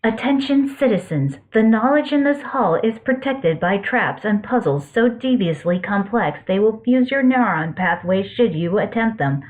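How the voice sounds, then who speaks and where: A woman voicing a computer security system that makes formal warnings over a facility loudspeaker. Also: mid-range voice, lively intonation, normal speed, few pauses. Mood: stern warning. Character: stern computer security voice, no sex given. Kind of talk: fan story reading. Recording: tinny phone-like lo-fi audio.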